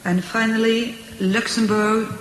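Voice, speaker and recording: A man reading out a jury's results on a live broadcast link in a slow, careful, formal way. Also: high-pitched, steady tone, a bit bright, a little hiss or hum. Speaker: jury spokesperson. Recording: remote broadcast link, echoey with long reverb.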